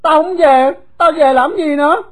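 A woman with a Southern Vietnamese accent voicing a bitter, grieving young runaway boy who talks loud, high and blunt. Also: moderate pace, close to an everyday voice. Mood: indignant.

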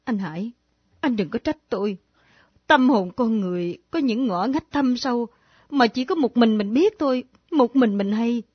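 A husky, fairly high voice of a grieving widow in her thirties, pleading and confessing in a radio drama. The old recording is dull and dry. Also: expressive, normal speed, no echo. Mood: remorseful. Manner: earnest, pleading, tearful confession. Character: grieving widow secretly in love, remorseful.

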